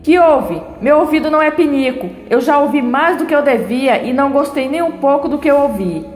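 A proud, furious jilted bride, read out by a woman, in a high voice. The lines come with mild emphasis from an echoey room with a long reverb tail. Faint music plays underneath. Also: animated, a little fast. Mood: indignant.

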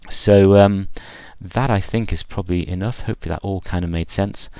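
Man, very low voice, dry close mic; casual screencast demo, thinks aloud. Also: fairly even intonation, moderate pace, mellow, clean tone, dry recording. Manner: thinking aloud with fillers and restarts. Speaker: software developer giving a screencast demo. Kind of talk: unscripted screencast walkthrough.

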